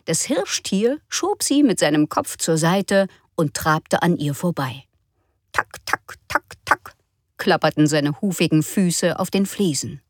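A woman narrating a children's story in a lively, expressive way. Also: fairly low pitch, a little slow, few pauses, dry recording, clean studio sound.

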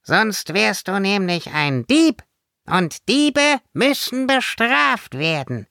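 A man's voice: high-pitched, lively intonation, a little slow, bright, forceful tone, no room sound, studio quality, pitched above the performer's own voice, exaggerated voice. A man voicing a small fairy girl guarding her tree, sweet and then scolding. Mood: stern. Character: cheerful little fairy girl, turning stern.

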